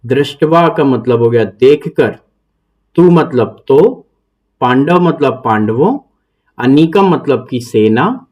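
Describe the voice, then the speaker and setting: A man's voice: mid-range voice, lively intonation, takes it slowly, a little mellow. A man, hosting his channel and patiently explaining and reciting a Sanskrit verse step by step. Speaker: Gita teacher, channel host.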